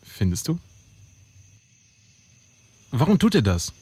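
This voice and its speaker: A man's voice: medium pitch, wildly swooping pitch, slow pace, darkish tone, breathy edge, no room sound, full character voice. A man playing an anxious, devout young soldier in an audio drama, with a hesitant, stammering delivery. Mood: wary, hesitant.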